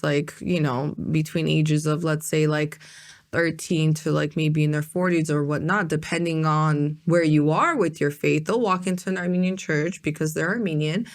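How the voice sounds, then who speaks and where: A woman hosting a podcast, talking casually and rambling with lots of "like" and "um". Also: sits low. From United States. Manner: rambling, heavy use of fillers like "like". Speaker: podcast host. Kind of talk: casual interview chat.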